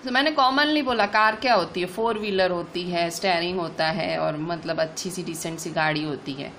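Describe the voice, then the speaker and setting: A woman's voice: lowish voice, fairly bright tone. Woman teaching grammar, faint hiss. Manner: explains slowly, repeats "ठीक है" and restates points. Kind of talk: online class lecture.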